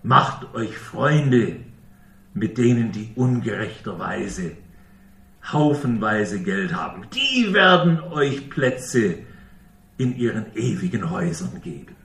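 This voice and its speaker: A man preaching a sermon, slow and emphatic, asking questions and acting out quoted speech. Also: on the low side, sing-song, fairly bright tone, far from the mic. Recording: echoey room, voice from away from the mic.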